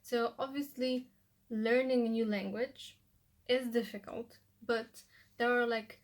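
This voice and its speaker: A young native Polish speaker vlogs about language learning, talking casually through her study tips in a chatty, rambling how-to. Her slightly high voice is steady and slow, and she often restarts with "like" and "you know."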